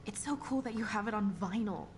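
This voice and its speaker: An actress playing a teasing, slightly shy young musician in naturalistic video game acting. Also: female voice, mid-range voice, brisk, slight background noise, natural voice. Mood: playful.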